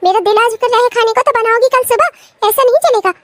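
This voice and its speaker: A woman's voice: very high-pitched, fast, no echo, recorded from a distance. A woman voicing a spoiled, bratty young woman in a cartoon, who whines and makes demands. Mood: demanding. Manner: whiny, demanding, indignant. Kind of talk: cartoon voice acting.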